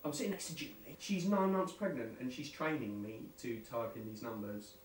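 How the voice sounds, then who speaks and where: A man's voice: mid-range voice, normal speed. Jokey man, roomy distant sound. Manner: jokey, rambling, laughs often. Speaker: radio show host. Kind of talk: casual chat. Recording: roomy, distant mic, faint hiss.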